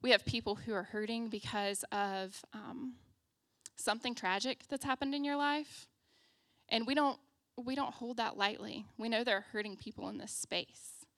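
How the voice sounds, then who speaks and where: Young woman preacher, bright and a touch high, chatty and self-deprecating, hushed when praying, close dry sound. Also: normal speed, dry recording. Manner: casual and self-deprecating, frequent "like" and "um"; prays in a soft, hushed voice. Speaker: guest preacher. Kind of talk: conversational sermon with opening prayer. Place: church stage in the round.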